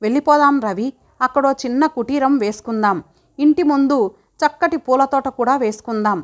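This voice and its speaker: Brief: a woman voicing a lovesick young heroine, earnest and sulky, fairly high voice. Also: moderate pace, close to an everyday voice. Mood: longing. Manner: pouting, earnest. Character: young woman in love, pouting and longing. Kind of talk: audiobook character reading.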